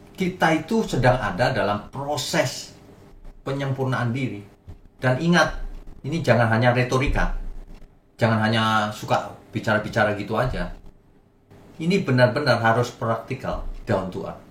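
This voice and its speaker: A man's voice: medium pitch, a bit bright, echoey room, slight background noise. A man leading a church gathering as pastor, closing his sermon with repeated exhortations and opening a testimony discussion. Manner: exhorting, repeats points for emphasis. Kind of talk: sermon wrap-up and group discussion.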